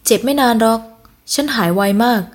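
A woman voicing a blunt young shop manager with a husky voice. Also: on the high side, brisk, lightly acted. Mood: gleeful. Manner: serious, blunt.

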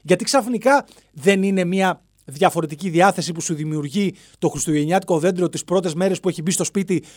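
There's no echo on this solo comedy podcast, hosted by a man with a high voice working alone in a studio. He rambles playfully through one bit after another and lapses into silly voices.

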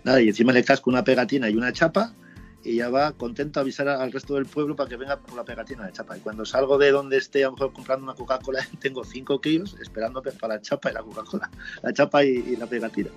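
Guy from spain telling road trip stories, casual and lively, some music in back. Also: medium pitch, very fast. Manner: lively storyteller, swears casually. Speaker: motorcycle traveler guest. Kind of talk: casual chat.

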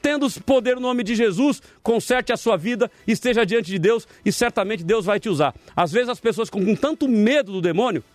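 High-voiced, fast-talking pastor host. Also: male voice, no room sound. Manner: animated storyteller, emphatic and exhorting. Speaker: pastor and debate show host. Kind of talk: preaching-style talk show commentary.

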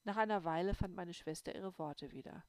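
A woman narrating a first-person audiobook in a calm storytelling manner. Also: lowish voice, fairly quick, no room sound. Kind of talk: scripted narration.

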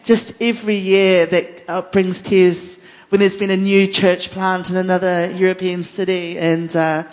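A woman with a New Zealand accent speaks off the cuff as a worship leader in an unscripted panel conversation about faith, earnest and conversational with playful asides. Her low-ish voice is flat and a little slow, echoing through a hall with long reverb.

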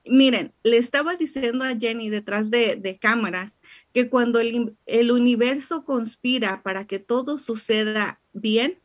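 A woman's voice: fairly high pitch, measured pace. A woman hosting a podcast interview, giving effusive, heartfelt introductions to her guest. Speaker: podcast host.

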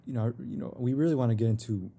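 A man's voice: medium pitch, quick pace, vocal fry, mellow, a little hiss or hum. A young man hosting a podcast in casual chat, laid-back and rambling, often saying "you know". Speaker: podcast host.

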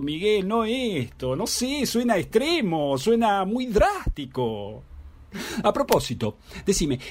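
Man doing a frantic Argentine wife, scolding and pleading, swooping wildly in pitch, husky, dry close sound. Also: no room sound, exaggerated voice. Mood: anxious, pleading. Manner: pleading, exasperated, scolding, stammering. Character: frantic middle-aged wife scolding her runaway husband. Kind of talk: dramatic reading of a theatre monologue.

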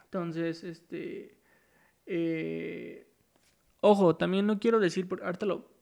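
A man's voice: high-pitched, steady tone, slow, vocal fry, darkish tone. A man hosting a casual solo podcast, rambling loosely with many fillers and restarts. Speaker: podcast host.

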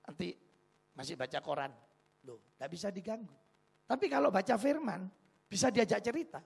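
A man's voice: high voice, expressive, normal speed, creaky, husky. A male pastor preaching a sermon, telling humorous anecdotes and putting rhetorical questions to the congregation.

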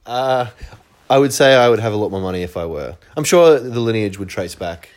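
A young adult musician from northern New South Wales, Australia, is interviewed in a casual chat, sounding hesitant with many fillers and restarts and laughing easily. His lowish, darkish voice is lively in intonation and fairly quick.

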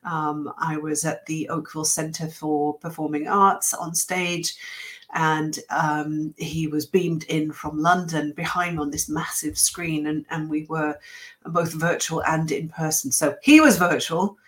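A woman hosts a livestream while sick, her slightly low voice a little squeaky and worn. She chats casually in a rambling way, restarting sentences and laughing between thoughts. It sounds like a home computer microphone. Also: fairly even intonation, measured pace. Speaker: host. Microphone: webcam or computer mic.

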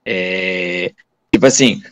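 A man, a guest telling stories in a casual, animated interview. He acts out the dialogue he retells and restarts his sentences often. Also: sits low, slow, clear, resonant tone. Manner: many fillers and restarts.

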